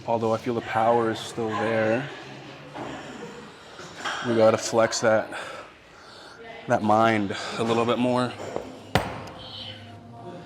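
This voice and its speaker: A fairly low-pitched man talks slowly with long pauses while background noise and loud gym music fill the recording. He's a fitness vlogger recovering from surgery, giving casual commentary at an indoor gym, breathless and relaxed as he talks to himself about his lifts between sets.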